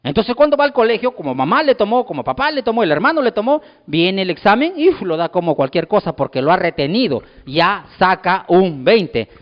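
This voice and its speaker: High-voiced man preaching in a reverberant hall. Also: sing-song, a little fast, few pauses. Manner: emphatic, repetitive, rhetorical questions. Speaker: pastor. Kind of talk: sermon. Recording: dull lo-fi sound with long hall reverb.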